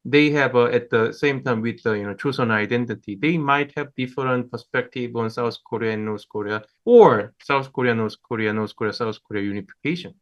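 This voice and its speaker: A man's voice: mid-range voice, brisk, hardly any pauses, dull audio. Rambling male forum moderator. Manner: rambling, many "you know" fillers.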